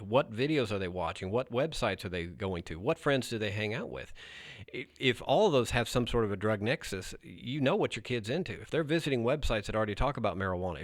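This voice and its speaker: A man's voice: medium pitch, no room sound, studio quality. A man who works as a narcotics officer gives blunt, emphatic advice in a podcast interview, often restarting his sentences.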